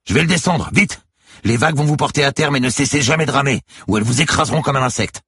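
A man voicing an urgent male fisherman who shouts curt orders over a storm in an audiobook reading. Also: medium pitch, fast talker, breathy edge, dry recording, clean studio sound, voice pushed up. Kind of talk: audiobook character voice.

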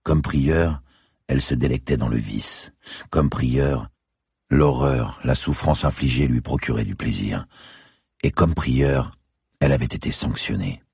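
Male narrator, crime thriller audiobook, measured, extremely deep voice, very husky. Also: no room sound, studio quality. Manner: measured, dark, descriptive reading. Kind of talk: first-person thriller narration.

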